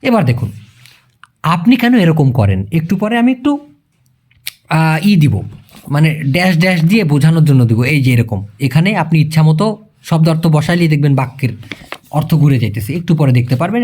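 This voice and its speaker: A man teaching a language lesson in a casual, colloquial way, calling the listener brother and slowing right down to spell out each phrase. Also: a little high, a little mellow. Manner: explains step by step, slows down sharply to spell out phrases.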